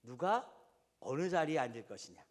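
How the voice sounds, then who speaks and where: A male pastor delivers a sermon in a high, very lively voice. He acts out the people he quotes, swinging from soft asides to loud, sharp outbursts. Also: moderate pace. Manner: animated preaching, acting out quoted voices.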